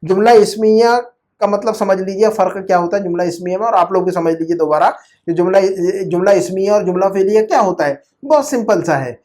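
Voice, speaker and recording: A man's voice: high-pitched, fairly quick, a little mellow. A man teaching an Arabic grammar class, asking questions and repeating words for students to echo.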